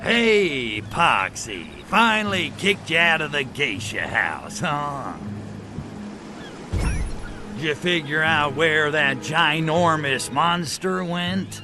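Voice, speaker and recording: Cocky alien invader, slow drawled wisecracks. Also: male voice, fairly high pitch, animated, over music. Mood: sarcastic. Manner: sarcastic, brash, wisecracking. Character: cocky wisecracking male alien invader, sarcastic and trigger-happy. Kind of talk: video game character acting.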